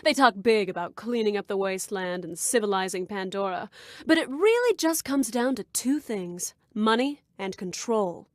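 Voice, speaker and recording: A woman's voice: medium pitch, animated, normal speed, no echo, clean studio sound, natural voice. A woman voicing a flirtatious, brash bar owner in a video game, speaking in a sultry, suggestive purr. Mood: flirty. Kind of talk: video game character dialogue.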